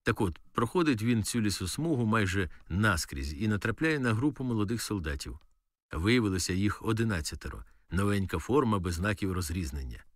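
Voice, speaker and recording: A man narrating an audiobook in a steady, matter-of-fact storytelling manner. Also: fairly low pitch, fairly quick, no room sound, clean studio sound, distant mic. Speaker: audiobook reader. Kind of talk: audiobook narration of a war novel.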